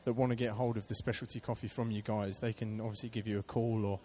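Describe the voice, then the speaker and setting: A man's voice: lowish voice, flat delivery, fast talker, darkish tone, slight background noise. Jovial male radio host. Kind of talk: casual radio chat.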